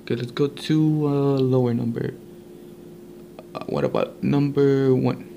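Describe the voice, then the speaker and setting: A man with a dark, medium-pitched voice and vocal fry hosts a prank chat on a walkie-talkie app, unhurried and fairly even in intonation. He jokes casually in slang, moving between English and Spanish, and the noisy amateur home recording sounds lo-fi.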